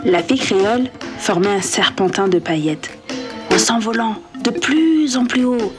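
A woman narrating a children's story softly, at times dropping to a whisper. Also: a little high, a little slow. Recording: soft music behind the reading.

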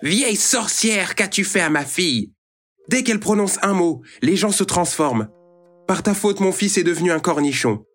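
A man's voice: mid-range voice, lively intonation, moderate pace, no echo, faint music behind, close to an everyday voice. A man voicing a worried, hot-tempered mother of two children in a read-aloud storybook. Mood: furious. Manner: anxious questioning, bursting into shouted anger.

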